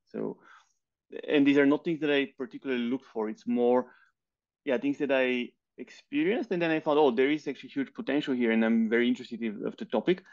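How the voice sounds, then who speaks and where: Bulgarian guy in his 30s chatting on a headset call, thoughtful, little laughs, kinda muffled audio. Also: mid-range voice. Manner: thoughtful, laughs softly between points. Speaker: guest, scientist. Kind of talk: casual interview chat. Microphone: headset on video call.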